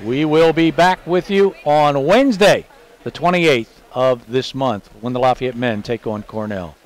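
A man hosting a postgame basketball broadcast, reading off final numbers in a brisk stat-reading delivery. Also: mid-range voice. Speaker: play-by-play broadcaster. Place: basketball arena broadcast booth.

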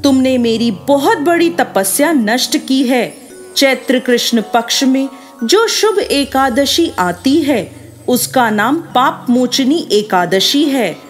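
A woman storyteller puts on a stern, devout male sage from a devotional tale. His words come slowly and solemnly, with a lively rise and fall. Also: high voice, soft background music.

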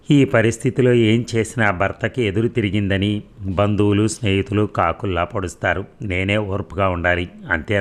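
A man reading a novel aloud in steady storytelling narration. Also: low voice.

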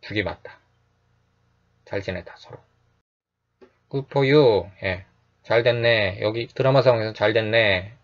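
Calm man teaching English phrases. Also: on the low side, lo-fi sound. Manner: calm, repeats phrases slowly, says "예" often. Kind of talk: lecture explaining sitcom phrases.

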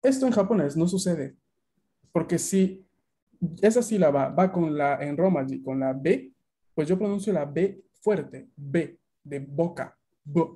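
Man teaching an online class, explaining patiently, checks in with students, slightly high voice, dark mellow tone. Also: animated, a little slow, breathy edge. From Latin America. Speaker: language teacher.

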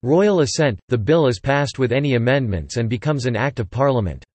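A man's voice: medium pitch, fairly quick, no room sound. Synthetic male article reader, very dry. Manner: even, steady reading of an encyclopedia article. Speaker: text-to-speech reader.

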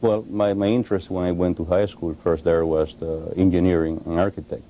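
Studio guest: Cuban man in his forties, Spanish-accented English, very deep and flat, dark tone, halting pauses. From Cuba. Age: 40s. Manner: halting, frequent uh pauses and restarts. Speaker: interview guest, author. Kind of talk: televised studio interview. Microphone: lapel.

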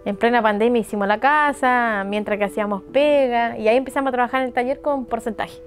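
Talking quickly in a fairly high voice, an Argentine mechanic and business owner in her thirties describes her work in a casual interview with an Argentine accent. She sits in an open shed outdoors at her home, with soft music behind her, laughing easily and acting out people's words.

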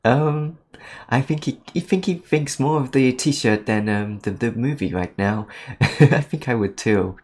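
A man's voice: mid-range voice, a little slow, darkish tone. A young man casually reacting to memes, rambling with lots of ums and restarts and laughing often. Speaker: meme reaction narrator. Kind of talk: casual meme commentary.

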